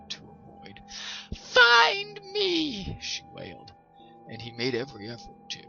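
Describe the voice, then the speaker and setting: A man with a lowish, creaky voice narrates a scripted ghost story as host of a storytime show, reading to his listeners. Music plays behind him, and the sound is slightly dull.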